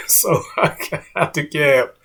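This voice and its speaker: A man's voice: fairly high pitch, slow, gravelly, fairly bright tone, breathy edge. A middle-aged man, a comedian, telling a story in a laid-back way and saying "man" often.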